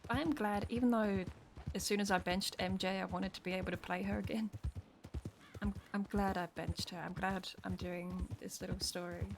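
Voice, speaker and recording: A woman's voice: medium pitch, fairly even intonation, normal speed, gravelly, noisy background. A woman streamer in a casual, rambling chat, swearing now and then. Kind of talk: casual chat while playing a role-play game. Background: game music and horse hooves.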